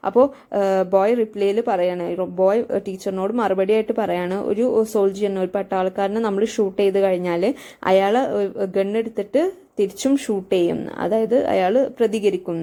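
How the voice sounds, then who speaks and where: A woman with a Malayali accent, a teacher explaining an English story, reading lines slowly and then explaining with many fillers. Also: mid-range voice, fairly even intonation, dark tone.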